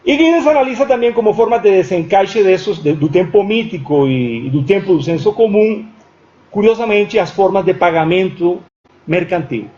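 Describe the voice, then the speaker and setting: With a high, slightly mellow voice and lively intonation, a man gives an academic lecture at a moderate pace as a guest speaker in a university room. He works through ideas aloud, restarts often, and keeps asking "certo?"; the recording is dull and lo-fi.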